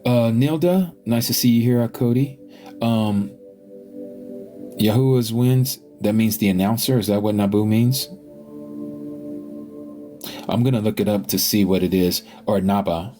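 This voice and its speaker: A man hosting a live scripture study, reading passages aloud and thinking out loud as he stops to check pages and look up words. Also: on the low side, unhurried, long pauses, soft background music. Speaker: online scripture study host.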